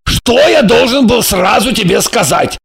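A woman's voice: mid-range voice, lively intonation, unhurried, creaky, husky, no room sound, heavily acted. A woman voicing a stern middle-aged male intelligence officer who barks and lectures. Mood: shouting. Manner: barking, lecturing.

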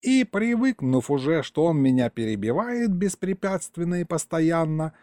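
A man voicing a grumpy, boastful old grandfather who tells stories in a drawn-out, sing-song folksy way. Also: high voice, mellow, dry recording, studio quality, pitched above the performer's own voice. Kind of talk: audiobook character voice.

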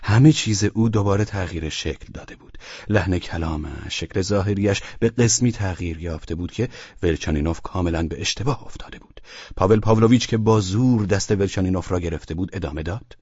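A man narrating a classic novel as an audiobook in a measured, even storytelling manner, with a husky voice. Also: low voice, no echo, dull audio.

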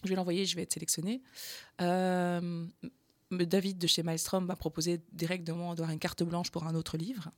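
A woman's voice: lowish voice, little pitch movement, moderate pace, no echo. A woman from the Charleroi area of Belgium with a Charleroi accent, a slam poet chatting animatedly as an interview guest and laughing often. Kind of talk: casual interview storytelling.

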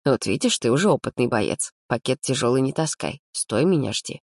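Lady doing a teasing young man, low, quiet, lecturing, dry close mic. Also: lively intonation, normal speed, breathy edge, dry recording, exaggerated voice. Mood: bossy. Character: bossy, teasing young man running camp.

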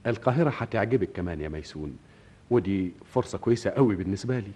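A man acting an earnest, romantic young educated man in an old Egyptian radio drama, with an Egyptian Arabic accent and a soft, pleading delivery. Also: on the low side, expressive, quick pace, husky. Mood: tender. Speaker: Mahmoud, young hero.

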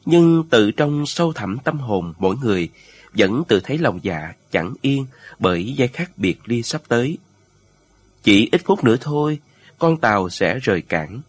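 A man with a husky voice reading a story aloud in an expressive, emotional way. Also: mid-range voice. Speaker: narrator.

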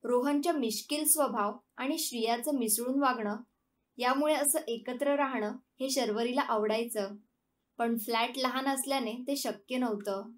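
A woman narrating a romantic serialized story in a calm, measured storytelling manner. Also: on the high side. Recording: distant from the mic.

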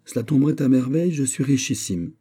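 A male reader voicing a vain, excitable young prince in an audiobook. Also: medium pitch, normal speed, voice pushed up, close to an everyday voice. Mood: petulant. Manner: fussy, excitable, self-admiring. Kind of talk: audiobook character reading.

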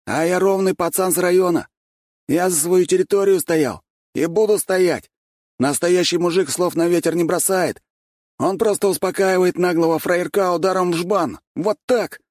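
A man's voice: high voice, a little mellow, dry recording, clean studio sound, voice pushed up. A man voicing a cute young guy putting on slangy, mock-threatening street-tough talk.

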